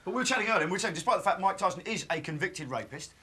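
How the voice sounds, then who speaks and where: A man's voice: high-pitched, lively intonation, rapid-fire, sharp tone, breathy edge. A man with a South London accent presenting a breakfast TV newspaper review, rambling and jokey. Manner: jokey, rambling, self-mocking.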